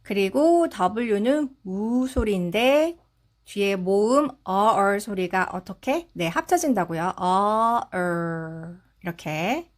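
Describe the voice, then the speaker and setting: A woman's voice: mid-range voice, expressive, slow. A woman teaching English phonics, patiently sounding out each syllable and blending the sounds together. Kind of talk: slow explanatory phonics lesson.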